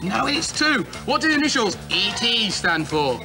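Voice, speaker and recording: A young British man hosting a children's game show in an excitable manner, urging the contestants along. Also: sits high, moderate pace. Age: young adult. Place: large TV studio with game set and audience. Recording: music and audience noise behind voice. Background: music and studio crowd.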